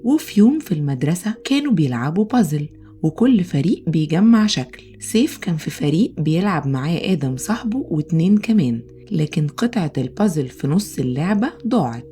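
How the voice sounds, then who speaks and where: A woman with an Egyptian accent narrating a children's bedtime story in an expressive storytelling manner. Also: low voice, a little fast, slight background noise. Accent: Egyptian Arabic. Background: soft music.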